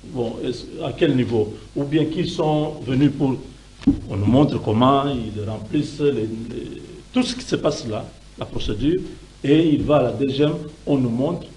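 Man, middle-aged, TV debate panelist, measured, explanatory, hesitant, desk mic. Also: mid-range voice, a little mellow, poor audio. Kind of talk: studio debate. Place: TV studio. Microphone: desk microphone.

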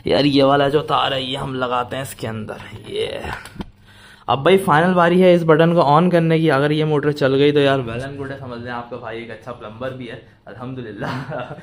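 A man's voice: medium pitch, moderate pace. A man in his thirties from Pakistan, chatting casually to viewers in a home vlog while working on a water pump. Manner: chatty, addresses viewers as brothers. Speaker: vlogger. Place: home rooms and utility corner, indoors. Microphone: phone camera at arm's length.

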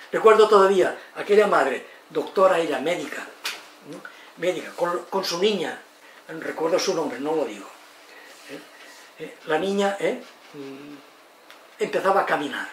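A high-pitched Spanish man in his eighties gives a lively lecture on psychology and education, expressive, using tag questions and acting out the quotes he cites. The mic is distant and the sound roomy, with faint noise.

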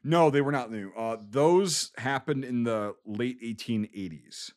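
A man's voice: mid-range voice, measured pace, darkish tone. A man with a Wisconsin accent explaining things emphatically and with frequent swearing, in a casual podcast discussion. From Wisconsin, USA. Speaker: podcast co-host. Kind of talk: casual war history discussion.

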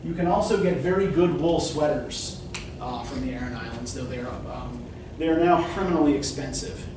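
This middle-aged man, a literature professor, speaks briskly in a medium-pitched voice. His lecture style is conversational: he quizzes students and tags on "right?" again and again. Captured by a far camera at the back of a whiteboard classroom, the sound is distant, echoey, and noisy.

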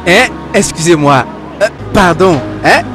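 An actor playing a poor young street vendor selling biscuits, begging and then cursing a customer. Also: male voice, high voice, animated, a little slow, over loud music. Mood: pleading. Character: poor male street biscuit seller, pleading then furious.

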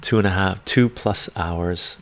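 With a deep voice and a slightly slow delivery, an older livestream host chats casually from his bookshelf-filled home room. His chest is congested, and he rambles and chuckles while reading viewer comments aloud into the desk microphone in front of him.

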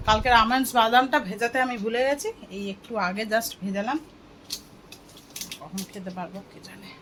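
Woman vlogger, slightly high voice, chatty everyday commentary, handheld phone, noisy background. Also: a bit bright. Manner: chatty, talks while doing chores. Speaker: vlogger and mother. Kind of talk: casual running commentary to the viewers. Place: market outdoors, then at home. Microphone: phone held in hand.

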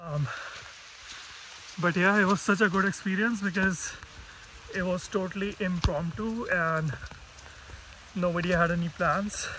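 A man's voice: sits high, steady tone, measured pace, long pauses, noisy background. A man giving casual vlog narration as he hikes outdoors. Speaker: hiking vlogger. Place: outdoors on a rainy mountain trail. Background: rain and music.

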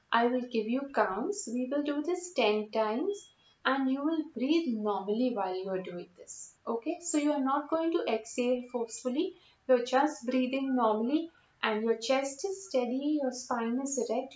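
A woman's voice: high-pitched, a little mellow. A young woman giving methodical spoken yoga breathing instruction, explaining step by step and repeating key cautions. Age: young adult. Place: indoor room at home, seated on floor. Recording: echoey room, slightly dull sound.

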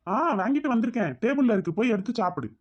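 A woman voicing an easygoing, doting father, calm and soothing. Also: a little high, very fast, husky, dull audio.

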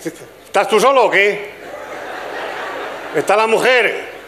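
A man's voice: high voice, lively intonation, slow pace, sharp tone, slight background noise. An older man from Spain with a Spanish accent, doing a chatty stand-up comedy routine at a gala and teasing the audience. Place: live stage with audience.

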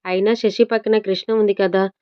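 A woman's voice: medium pitch, steady tone, normal speed, clear, resonant tone, natural voice. A woman voicing an easygoing young man who jokes lightly, on a dull lo-fi recording. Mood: teasing.

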